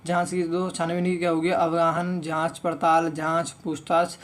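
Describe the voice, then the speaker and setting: A young man teaching an online Hindi exam-prep lesson, reading word lists slowly and often saying "okay, friends". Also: fairly high pitch, completely flat delivery. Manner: reads word lists slowly, one word at a time.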